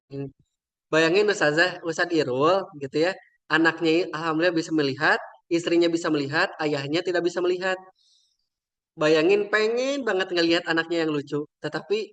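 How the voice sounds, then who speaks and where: A man's voice: fairly high pitch, a bit bright. Young man telling a heartfelt story. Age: young adult. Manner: chatty, moved, often trailing off with fillers. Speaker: religious teacher and invited speaker. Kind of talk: casual heartfelt storytelling talk.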